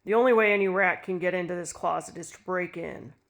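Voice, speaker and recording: A woman's voice: on the low side, fast, creaky. A woman voicing a ruthless, harshly growling husband. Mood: cold. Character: ruthless cold middle-aged husband.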